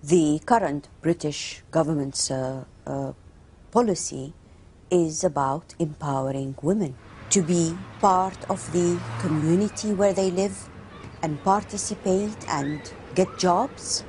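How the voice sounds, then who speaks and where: A woman academic speaks deliberately and haltingly in a seated interview in a living room. Her voice is slightly low, picked up on a lapel mic, with faint noise behind it. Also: darkish tone.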